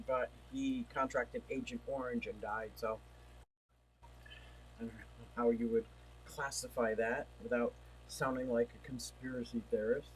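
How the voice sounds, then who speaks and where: A livestream host at home chats casually, rambling and reading viewer messages aloud, though he feels he's losing his voice. His pitch is medium, and the recording is low quality.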